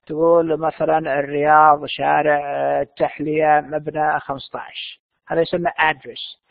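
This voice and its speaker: High-voiced man teaching English, phone-like audio. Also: flat delivery, gravelly, no echo. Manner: reads English slowly, explains in Arabic. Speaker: university English instructor. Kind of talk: distance-learning lecture. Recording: dry, tinny phone-like sound.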